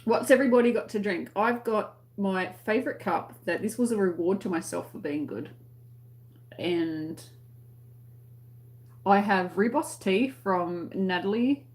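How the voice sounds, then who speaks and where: A woman's voice: mid-range voice, a little mellow. Chatty Australian woman hosting a live stream. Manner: rambling, conversational, trailing off mid-thought. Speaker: crochet tutorial live-stream host. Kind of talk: casual live-stream chat with viewers.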